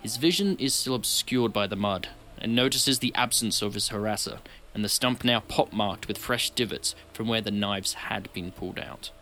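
Guy narrating a fantasy game, lowish voice, bright, faint music. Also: moderate pace, slight background noise. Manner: steady, descriptive storytelling. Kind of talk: dramatic story narration.

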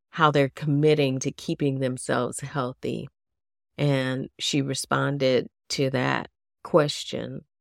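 Podcast host, woman, low and slightly gravelly, unhurried, a bit nasal, dry close mic. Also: no echo. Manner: gentle, chatty, self-deprecating. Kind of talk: solo podcast talk.

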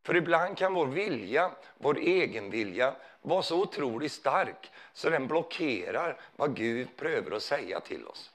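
A man's voice: mid-range voice, very animated, hardly any pauses, a bit bright. A man preaching a sermon in a conversational way, often putting questions to his listeners.

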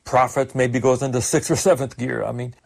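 A man's voice: medium pitch, fairly even intonation, brisk, gravelly. An older man, a pastor, preaching a sermon with earnest, emphatic rises.

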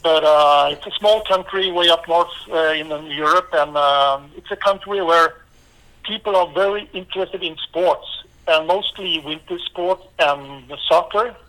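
A man from Norway with a Norwegian accent, a former volleyball player answering interview questions in halting English full of fillers and restarts. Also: a little high, sharp tone, poor audio.

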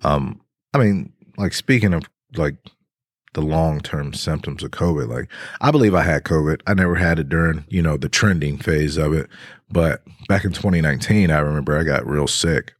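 A man's voice: rumbling low, normal speed, dry recording, clean studio sound. A man co-hosting a podcast, telling a story in laid-back casual chat with lots of fillers and laughter. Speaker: podcast co-host.

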